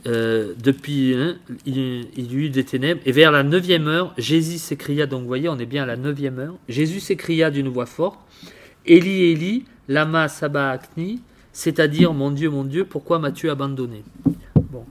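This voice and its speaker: A man giving informal Bible teaching, halting and repeating words, often asking his listeners questions. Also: mid-range voice. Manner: halting, repeats words, tags phrases with "hein"; addresses listeners directly with questions. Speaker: preacher.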